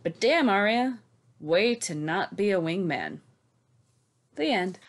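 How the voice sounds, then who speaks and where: A woman speaks slowly, with a medium-pitched voice and lively intonation, as she co-hosts a book discussion. Her recaps are sarcastic and scripted-sounding, delivered in a casual, sweary, emphatic way.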